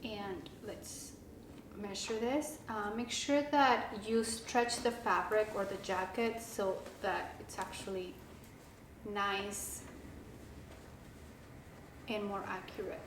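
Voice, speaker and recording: A woman giving a casual step-by-step craft tutorial, talking in a relaxed way with many fillers and restarts. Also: medium pitch, takes it slowly, long pauses. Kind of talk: casual how-to instruction. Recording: echoey room with faint background noise.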